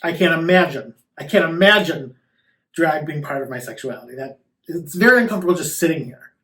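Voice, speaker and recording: A male drag queen answers questions in a casual, campy, sassy way. His voice sits somewhat high. The sound is roomy and echoing, with the microphone some distance away. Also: expressive, a little fast, pushed and bright. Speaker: drag queen performer being interviewed. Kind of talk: casual interview chat.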